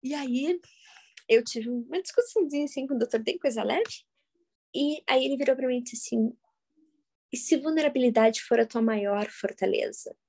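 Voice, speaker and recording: A woman, giving a live workshop talk to an audience, telling stories in a jokey, animated way with sudden loud, high bursts. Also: normal speed. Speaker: workshop facilitator.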